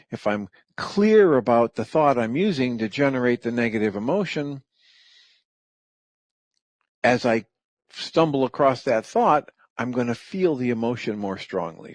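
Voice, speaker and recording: A middle-aged man hosting a radio show, calmly and gently walking through the steps of a practice. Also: medium pitch, no echo. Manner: calm, gentle, step-by-step explaining. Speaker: radio host. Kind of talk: reflective talk radio teaching.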